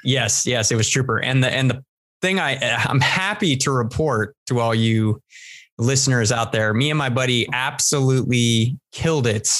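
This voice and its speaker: A man's voice: medium pitch, normal speed, fairly bright tone, dry recording. A man from San Diego, a podcast co-host, telling a long story in casual chat with lots of restarts. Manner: rambling storyteller, many restarts.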